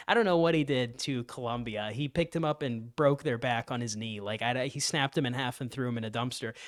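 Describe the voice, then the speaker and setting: A man's voice: fairly quick, no echo, clean studio sound. Emphatic sarcastic male commentator. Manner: emphatic, sarcastic, mocks opponents in high put-on voices. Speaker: political commentator. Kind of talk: opinion monologue.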